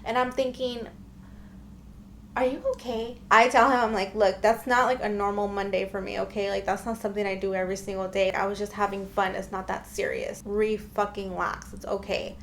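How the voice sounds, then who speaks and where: A woman's voice: medium pitch, little pitch movement, normal speed, vocal fry, a bit bright, slight background noise. A young woman telling a personal dating story to her viewers in a casual, emphatic storytime style. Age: young adult. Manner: chatty and emphatic, often addressing viewers. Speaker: storytime vlogger.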